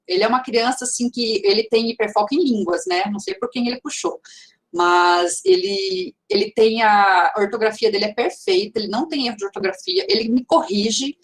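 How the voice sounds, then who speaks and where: A woman with a mixed Brazilian regional accent and a slightly raised pitch speaks at an online seminar over a video call. She talks in a relaxed, chatty way, with many fillers and restarts along the way. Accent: mixed regional Brazilian Portuguese accent. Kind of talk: online seminar talk answering questions.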